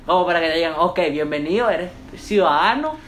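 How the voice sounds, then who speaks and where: A woman's voice: lowish voice, animated, brisk, a bit bright, a little hiss or hum. A young Venezuelan woman with a Venezuelan accent, chatting casually and rambling in slang, sometimes mimicking other accents. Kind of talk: casual chat.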